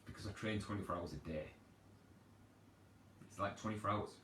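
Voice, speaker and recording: Male personal trainer, lowish voice, loose and chatty and self-deprecating, recorded off-mic in a roomy space with faint hiss. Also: a little fast, sharp tone. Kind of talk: casual live Q&A advice. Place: at home on a sofa. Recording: echoey room, distant from mic, faint background noise.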